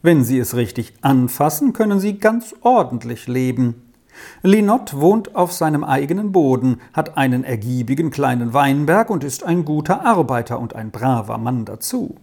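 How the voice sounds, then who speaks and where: A reader voicing a calm, good-natured older major who speaks reassuringly. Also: medium pitch, normal speed.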